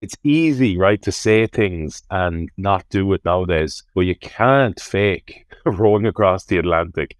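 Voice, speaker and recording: Deep-voiced west of Ireland man. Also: animated, measured pace, hardly any pauses, dry recording, studio quality. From Galway, west of Ireland. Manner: earnest, emphatic, with rhetorical self-questioning. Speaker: interview guest, ocean rowing adventurer. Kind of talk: reflective conversational interview talk.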